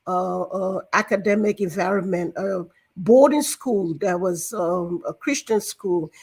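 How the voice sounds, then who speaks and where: A woman in her sixties from Liberia, a banking director guest in an interview, talking in a measured, explanatory way with frequent fillers. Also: medium pitch. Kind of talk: interview talk.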